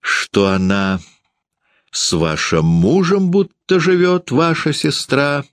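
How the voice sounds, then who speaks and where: A drunk, brawling old landlady with a shrill, swooping voice, as a male reader puts her on. She hollers slurred insults, her pitch leaping about high above the reader's own low voice. The sound is close and dry. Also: lively intonation, takes it slowly, no room sound. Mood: spiteful. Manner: shouting, slurred, abusive. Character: drunk rowdy old woman shoemaker landlady.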